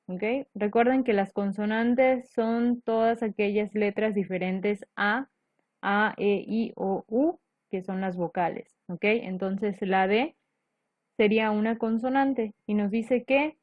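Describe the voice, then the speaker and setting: A woman teacher walks through grammar rules at a slow, unhurried pace, stopping often to check her students follow. The recording is dry and a bit dull and lo-fi. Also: medium pitch, no echo. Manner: patient, step-by-step, frequent "ok?" checks.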